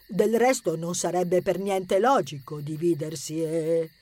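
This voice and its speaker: Actor playing a jittery know-it-all teen boy, stammering, slow careful speech, dry close sound. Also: medium pitch, darkish tone, no room sound, close to an everyday voice. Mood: nervous. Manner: stammering, fussy. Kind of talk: audiobook character acting.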